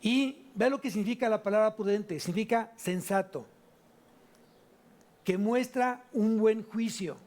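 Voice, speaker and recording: A male pastor with a Mexican Spanish accent delivers a sermon in a noticeably high voice. He keeps putting rhetorical questions to his listeners and slows right down to stretch out the words he wants to land. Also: darkish tone. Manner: asks the congregation many rhetorical questions, stretches key words slowly. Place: church service.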